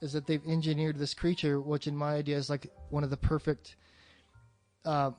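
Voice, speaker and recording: A podcast host rambles casually through a movie discussion, swearing freely and sounding enthusiastic. His voice is a little high and darkish, with a level tone at normal speed, backed by soft music.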